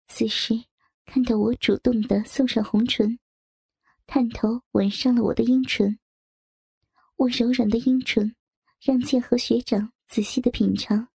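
A woman narrating a first-person audio story in a soft, intimate way over faint background music. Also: fairly high pitch, vocal fry, slightly rough, dry recording, studio quality.

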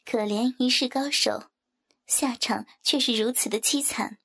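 A woman narrating a martial-arts novel in a steady storytelling manner. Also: a little high, unhurried, creaky. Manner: steady storytelling, acts out characters. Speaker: audiobook narrator. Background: faint background music.

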